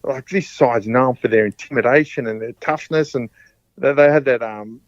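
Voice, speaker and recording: A man's voice: mid-range voice, moderate pace, no room sound. A man in his fifties with an Australian accent, a podcast guest telling stories casually, rambling and often repeating and restarting his words. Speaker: podcast guest, former rugby league player. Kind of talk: casual storytelling. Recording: dull, dry sound.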